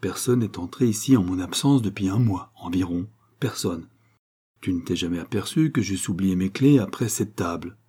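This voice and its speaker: A man reading an audiobook, voicing a grave, solemn doctor, in a low husky voice. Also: moderate pace, mellow. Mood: stern. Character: grave learned male doctor, solemn and stern.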